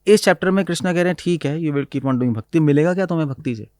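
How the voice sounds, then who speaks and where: Laughing often, a male spiritual teacher talks through scripture casually, mixing Hindi with English and reciting Sanskrit verses. His voice sits on the high side with a darkish tone, he speaks fast, and the studio-quality recording has no room sound.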